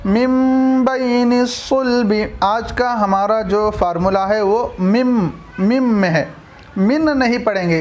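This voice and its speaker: Man, teacher, Indian Urdu-Hindi accent, slow, drawn-out syllable drills, high voice. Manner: slow, drawn-out recitation of letters and syllables, then quick explanation. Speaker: Quran reading teacher. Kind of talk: recorded online lesson.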